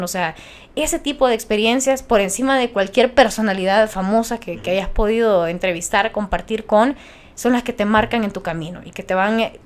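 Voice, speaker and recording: Animated Honduran woman radio announcer. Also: medium pitch, clear, resonant tone. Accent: Honduran Spanish. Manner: animated, passionate, many restarts. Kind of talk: casual interview chat.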